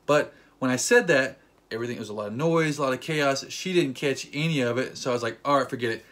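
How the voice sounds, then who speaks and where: This casual vlog features a young man with a fairly bright, middle-pitched voice chatting to the camera. He's playful and fast with a joke, and he slips into brief acted-out lines as he recounts what happened.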